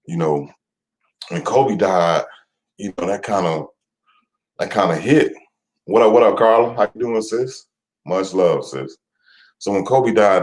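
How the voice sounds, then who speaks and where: A man's voice: low voice, a little mellow. A young man casually chatting on a livestream, greeting viewers by name and rambling with loose, repetitive talk and the odd curse. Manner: loose, rambling, swears, repeats himself with "man". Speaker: livestream host.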